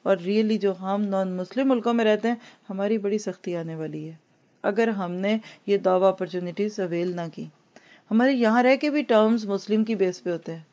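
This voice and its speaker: A woman's voice: mid-range voice, darkish tone. Woman teaching a religious class. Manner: slow recitation of Arabic phrases for the class to repeat; Urdu-Hindi mixed with English words. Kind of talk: Islamic lesson to women.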